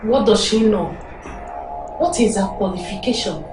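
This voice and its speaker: A woman's voice: medium pitch, moderate pace, a little mellow, soft background music, natural voice. A woman playing a resentful royal wife, distant and echoey. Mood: indignant. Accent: Nigerian. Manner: indignant, complaining. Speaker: royal wife passed over for promotion. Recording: echoey room, distant mic.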